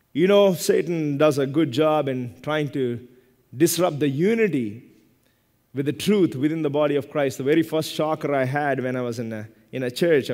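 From a lectern on a church stage, a man in his thirties preaches and teaches with emphatic short phrases repeated for stress. His pitch is fairly high and his tone darkish, and the indoor hall gives a long reverb.

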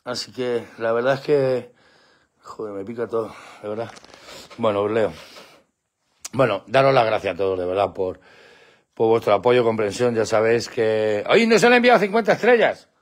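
A man's voice: moderate pace, pauses often. A man hosting a casual live stream with his dogs outdoors at night, talking into a handheld phone and calling to the dogs in a playful, coaxing way. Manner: coaxing, playful, breaks into high excited calls to the dogs. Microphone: phone held in hand.

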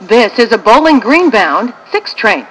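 A woman with an American accent reads scripted train station announcements in measured, formulaic phrases. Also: fairly high pitch, big pitch swings, fairly bright tone, a little hiss or hum, low-quality recording.

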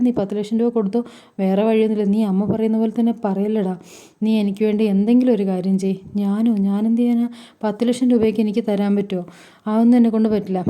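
A woman's voice: medium pitch, mellow. A woman vlogger casually recapping a TV serial episode, rattling through each character's lines in turn.

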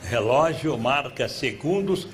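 A Brazilian man with a mid-range, expressive voice and a Brazilian Portuguese accent hosts a live TV game show in a studio with an audience. He reads the clues slowly and teases the female contestants. The studio's background noise comes through clearly.

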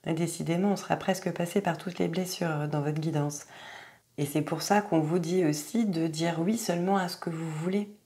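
A woman giving an astrology card reading, talking gently and hesitantly with many fillers. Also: lowish voice, steady tone, normal speed. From France. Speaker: tarot card reader.

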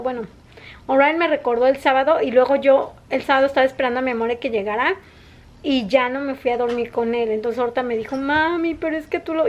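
A woman, chatting giggly and lively to her camera in a home family vlog, acting out what others said. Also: high-pitched. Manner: chatty and giggly, acts out quotes. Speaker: vlogger. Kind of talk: casual family vlog chat. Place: home in the United States. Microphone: handheld camera.

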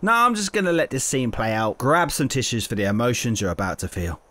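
A man's voice: medium pitch, big pitch swings, fairly quick, bright, forceful tone. A young man giving sarcastic, exasperated, sweary commentary as a video game reviewer.

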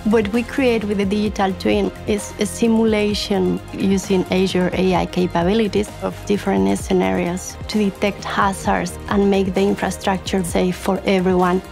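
A woman's voice: medium pitch, level tone, normal speed, creaky, few pauses, a little mellow. A woman executive speaking steadily in a corporate promo interview. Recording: promo video with music bed.

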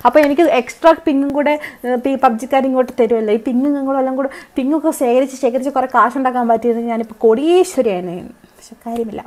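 Young woman streamer, teasing, talks to chat and teammates, slightly high voice. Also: rapid-fire, darkish tone. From Kerala. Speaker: game streamer. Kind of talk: live gameplay stream chat.

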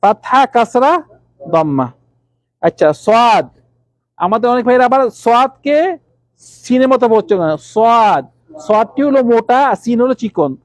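Man, Arabic teacher, high voice, slow repeated letter sounds, calls on students, dry recording. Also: no echo. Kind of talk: classroom Arabic letter drill. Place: classroom with students.

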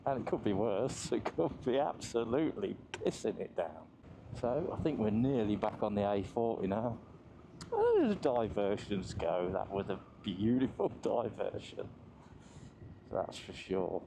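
Riding his motorbike through the mountains, a male vlogger keeps up casual commentary via helmet mic, laughing a lot and swearing without hesitation. His voice is on the low side, a little slow, with vocal fry, over a noisy background.

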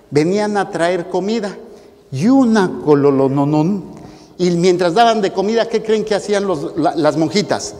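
High-voiced Mexican priest in a reverberant church. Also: male voice, a little hiss or hum. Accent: Mexican Spanish. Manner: lively, jokey storytelling with acted quotes. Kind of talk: sermon.

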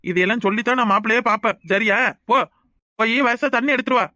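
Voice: mid-range voice, quick pace, sharp tone, no room sound, clean studio sound, lightly acted. A performer voicing a bossy but caring middle-aged village uncle in a cartoon, with a Kanyakumari Tamil accent. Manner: bossy but affectionate, scolding. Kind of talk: cartoon voice acting.

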